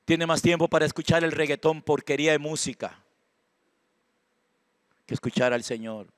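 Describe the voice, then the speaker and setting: A man preaching a sermon with a Costa Rican accent, swinging from hushed prayer to loud exhortation. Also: fairly high pitch, moderate pace, smooth, dry recording, studio quality. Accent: Costa Rican Spanish. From Costa Rica. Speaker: pastor. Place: church sanctuary.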